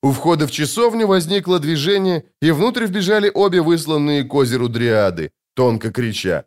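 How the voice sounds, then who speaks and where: A man reading an audiobook with measured, dramatic narration. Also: a little high, expressive.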